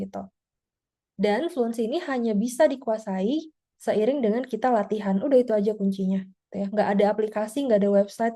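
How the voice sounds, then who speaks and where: Woman IELTS tutor on a video call, mellow tone, higher pitch, chatty explainer. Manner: explanatory, chatty, with frequent tag words. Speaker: IELTS teacher. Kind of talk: online class lecture.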